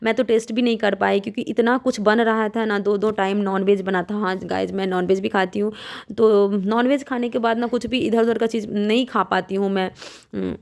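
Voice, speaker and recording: A young woman narrates a casual family vlog, speaking straight to her viewers. Her voice has a gravelly fry at a middle pitch. She films on a handheld phone as she walks around her family's village home. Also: fairly even intonation, normal speed. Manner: chatty, warm narration to viewers, often addressing them directly. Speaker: vlogger.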